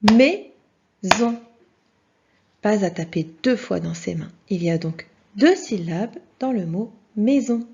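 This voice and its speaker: A woman's voice: medium pitch, a little slow, vocal fry, dark tone, slight background noise. A woman teaching a children's video lesson, speaking patiently and encouragingly and addressing the child directly. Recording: dull lo-fi sound.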